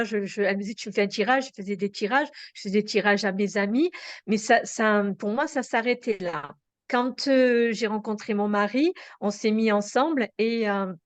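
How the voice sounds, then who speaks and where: A woman guest in a conversational interview, telling a personal story in an earnest, halting way with many fillers and restarts. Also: on the high side, dry recording.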